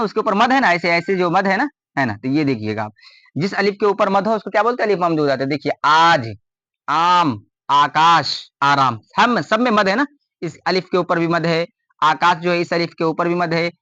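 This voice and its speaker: A man's voice: a little high, fairly bright tone, dry recording, lo-fi sound. A man teaching a grammar lesson, often repeating a question to his students and then answering it.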